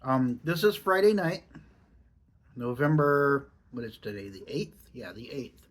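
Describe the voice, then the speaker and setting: An American man from Oregon reviews dipping tobacco on his vlog, chatting to camera in a rambling, folksy, casual way. His medium-pitched voice moves at a measured pace and is slightly muffled by a lip full of dip.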